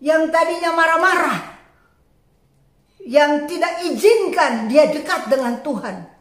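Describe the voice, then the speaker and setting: A woman preacher giving an earnest, emphatic sermon with dramatic pauses. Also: high-pitched, expressive, echoey room.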